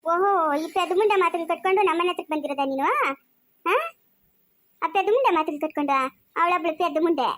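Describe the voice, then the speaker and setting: A woman's voice: very high-pitched, quick pace, pauses often. A woman playing a fierce, protective village woman who berates a neighbour with threats in rural Chikkaballapur Kannada. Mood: furious. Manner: loud, threatening.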